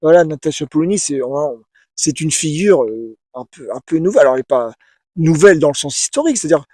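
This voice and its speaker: A man talks through his ideas in a casual, halting way, repeating words and restarting his sentences as he goes. His voice sits a little high but sounds mellow and soft-edged. The recording is dry and close. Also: animated, slightly rough, dry recording. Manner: hesitant, many repeated words and restarts, often asks "vous voyez?". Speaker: video essayist. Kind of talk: casual spoken commentary to camera.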